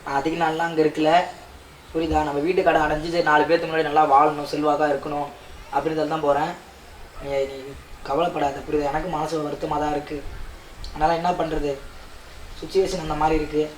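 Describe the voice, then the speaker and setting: Man as a reassuring husband heading abroad, comedy skit, quick speech, southern Tamil accent. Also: on the high side, level tone, slight background noise, natural voice. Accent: southern Tamil Nadu. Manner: coaxing, repeatedly reassuring. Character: husband going abroad to repay debts. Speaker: skit actor. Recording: roomy with faint ambience.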